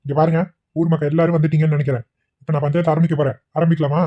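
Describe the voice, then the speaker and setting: A man speaks quickly in a fairly high, flat voice for a cartoon. The audio is dull and lo-fi. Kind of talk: cartoon voice acting.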